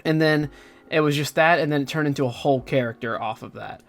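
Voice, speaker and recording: A man's voice: fairly high pitch, quick pace, creaky, a bit bright, soft background music. A young man giving casual gaming news commentary, rambling and hesitant with lots of fillers and restarts. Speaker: gaming YouTuber.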